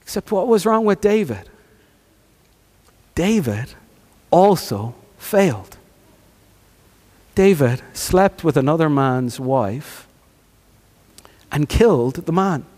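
A man delivers a sermon in a high, measured voice, pausing often and taking his time. He drops to a near whisper, then climbs to ringing emphasis, repeating key phrases. His voice carries a long reverb, as in a large church hall. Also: big pitch swings. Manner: swings from hushed to near-shouting for emphasis; repeats phrases and asks rhetorical questions. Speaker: preacher.

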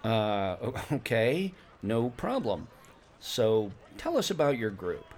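A man's voice: mid-range voice, sing-song, slow, a little mellow, a little hiss or hum. A man playing an earnest, friendly news host in a scripted fantasy radio broadcast. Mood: friendly, polite.

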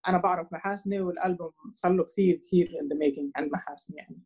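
A young man with a Jordanian-Palestinian Levantine Arabic accent and a husky voice, chatting casually as an interviewed musician and mixing in English. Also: high voice, fairly even intonation, rapid-fire, a little mellow, dull audio. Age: young adult. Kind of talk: casual chat.

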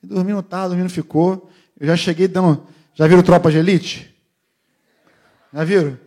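Speaking at a moderate pace in a high voice, a middle-aged preacher recounts a story about his family during a sermon. He tells it vividly, performing the voices of each family member.

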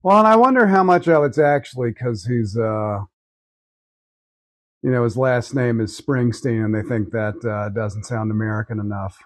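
A man talking casually as a talk show host, with a halting, sardonic manner. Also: mid-range voice, no echo, studio quality. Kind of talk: casual chat.

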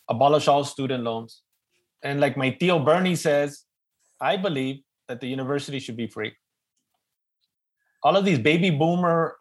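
A middle-aged man from East Los Angeles in the United States moderates a webinar panel in a joking, animated, informal way, often repeating words. He has a medium-pitched voice and an East Los Angeles Chicano accent.

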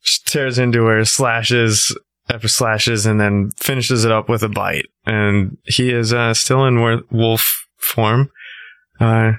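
A man's voice: fairly low pitch, level tone, slow pace, a bit bright, clear, resonant tone, no room sound. A man playing a tabletop role-playing game, casually describing his moves, with music behind him. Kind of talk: casual play and action narration.

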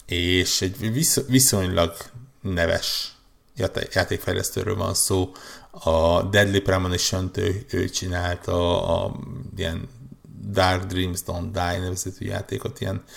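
Here a low-pitched man with vocal fry and a fairly bright timbre keeps a steady tone. He's co-hosting a podcast, talking video games in a loose, rambling way that's full of restarts and repeated words.

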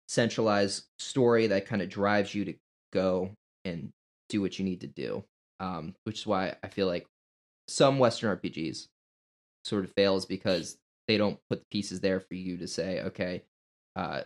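A man co-hosting a podcast in natural, unscripted casual talk, thinking aloud with some hesitation. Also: sits low. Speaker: podcast co-host.

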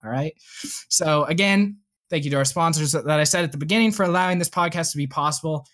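A man's voice: fairly high pitch, fast talker, fairly bright tone. Laid-back young man with a slight lisp. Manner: laid-back, filler-heavy, laughs often. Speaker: podcast host. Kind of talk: casual gaming chat.

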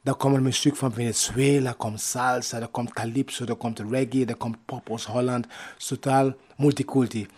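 Lively man with loose German. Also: mid-range voice, normal speed, slightly rough. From Aruba. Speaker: musician being interviewed. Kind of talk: casual interview talk.

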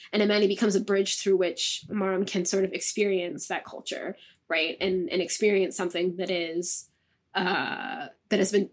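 A woman's voice: medium pitch, husky. A young woman author of Moroccan family, raised abroad, chatting in an interview over a video call and tagging her thoughts with "like" and "right?". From Moroccan family, raised in diaspora. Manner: chatty, many "like" and "right?" tags. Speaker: author guest. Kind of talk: casual interview chat.

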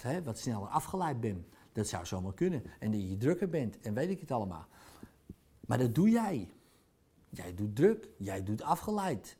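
A man's voice: mid-range voice, mellow. A man speaking in a blunt, provocative, conversational monologue, dropping in crude words as a speaker or coach. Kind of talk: casual monologue.

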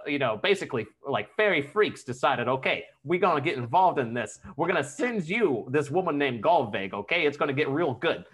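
A man's voice: very high voice, a bit bright, slightly rough, pitched above the performer's own voice, full character voice. A man voicing a brash, swearing tough-guy storyteller with an exaggerated put-on accent that keeps shifting, telling a myth as a comic tale. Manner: rowdy, swearing, laughing through the tale.

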